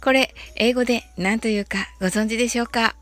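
A woman hosting an audio show, giving a relaxed English lesson in a soft, polite way, with many fillers and English words drawn out slowly. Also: a little high, soft background music. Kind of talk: slow, friendly English lesson monologue.

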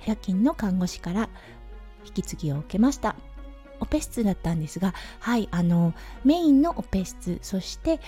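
A woman with a hoarse, slightly raspy voice from overuse, chatting through a casual solo audio diary as a host. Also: mid-range voice, mellow. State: hoarse from overuse, sore throat. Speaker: podcast host, anaesthetic nurse. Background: background music.

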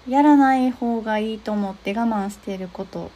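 A young woman talking through advice in a gentle, step-by-step way, often pausing on soft fillers. Her voice is fairly high, with a dark, mellow tone. There is a breathy, husky edge to it. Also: lo-fi sound. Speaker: podcast host giving advice to therapists. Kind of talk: casual advice talk.

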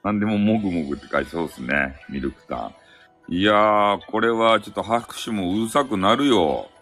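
A man's voice: lowish voice, fairly quick, fairly bright tone, soft background music. A man speaking with a Hakata accent, chatting and joking loosely as a live-stream host, his throat slightly sore. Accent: Hakata dialect. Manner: chatty, joking, drifting between topics. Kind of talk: casual chat. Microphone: phone app stream mic.

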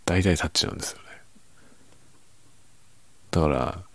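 A man chatting casually and quietly by himself late at night, musing and giving his opinions in a low-key way with softened sentence endings. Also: moderate pace, gravelly, no echo. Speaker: writer chatting as host.

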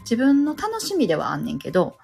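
Kansai mom rambling on her solo chat show, kinda husky, voice bouncing up and down a lot. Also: fairly high pitch, huge pitch swings, a little fast, darkish tone. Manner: rambling, self-deprecating, loses her train of thought. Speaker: podcast host, stay-at-home mother.

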